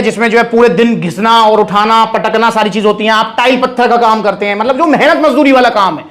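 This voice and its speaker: A man's voice: very high-pitched, a bit bright. A young man who runs a supplement shop, talking straight to the camera in a casual advice video. He speaks directly and chattily, calls his viewers brothers and repeats his key points.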